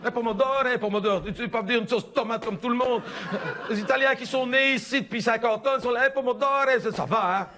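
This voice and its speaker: A man's voice: very high-pitched, fast talker, a crowd in the background. A man playing a gossipy Belgian housewife. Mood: chatty. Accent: Belgian French. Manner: rambling, gossipy, confiding, full of "hein" and "écoute bien". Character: gossipy chatty middle-aged Belgian housewife, mother. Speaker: stand-up comedian in character. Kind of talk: stand-up character monologue.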